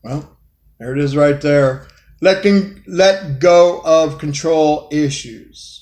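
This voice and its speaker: A man's voice: on the high side, takes it slowly, a little mellow. Folksy man giving a tarot reading. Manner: folksy, repeats phrases, talks straight to the viewer. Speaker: tarot reader. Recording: echoey room.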